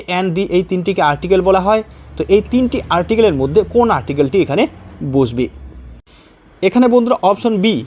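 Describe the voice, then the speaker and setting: A man teaching an exam-prep lesson, explaining patiently step by step, asking questions and reading example sentences slowly. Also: sits high, darkish tone.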